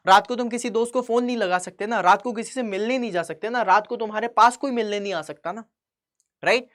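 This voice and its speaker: A young man talks students through study habits like a coaching teacher. He keeps it conversational, dropping tag questions, and builds into emphatic, higher-pitched stretches when making a point. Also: quick pace, a bit bright. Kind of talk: motivational study advice talk.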